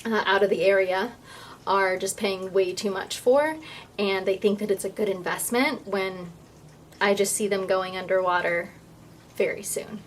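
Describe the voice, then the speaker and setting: A woman's voice: medium pitch, steady tone, unhurried, rough recording. A woman chatting casually and informally to her viewers as a vlogger, often thinking aloud, with some noise in the recording. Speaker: vlogger and real estate agent. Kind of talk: casual vlog chat.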